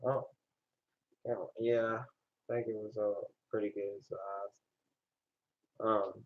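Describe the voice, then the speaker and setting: A man's voice: lowish voice, level tone, takes it slowly. Man rambling casually, dull lo-fi sound. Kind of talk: casual chat.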